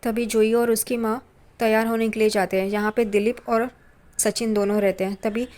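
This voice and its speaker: A woman recaps a TV serial episode in steady, plain storytelling. Her voice sits fairly high for a woman, and she reads each character's lines in the same even tone. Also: normal speed.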